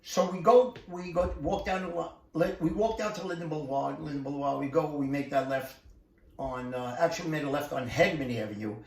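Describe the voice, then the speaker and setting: A man's voice: fairly high pitch, a little fast, gravelly. An older man with a New York accent, telling a street story in a rambling, repetitive way as an interview guest. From Brooklyn, New York. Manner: rambling, repeats words, acts out voices in stories. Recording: echoey room, distant from mic.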